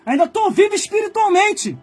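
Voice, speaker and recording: Brazilian male pastor in his forties, very high voice, fiery shouting sermon, faint music behind. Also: sing-song, moderate pace. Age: 40s. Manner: fiery preaching, shouting and exhorting.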